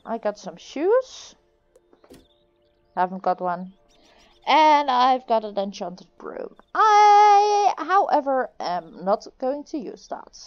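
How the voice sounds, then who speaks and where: A woman's voice: medium pitch, lo-fi sound. A woman giving casual gameplay commentary, talking through what she is doing. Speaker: gamer commentator. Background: faint game music.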